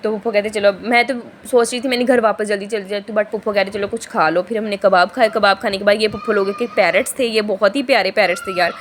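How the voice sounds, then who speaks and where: Hoarse young woman chatting through a haul. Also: mid-range voice, fairly even intonation, fast, hardly any pauses, a little hiss or hum. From Pakistan. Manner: chatty, rambling, often corrects herself mid-sentence. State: hoarse, heavy voice from a sore throat. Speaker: vlogger. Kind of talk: casual shopping haul vlog.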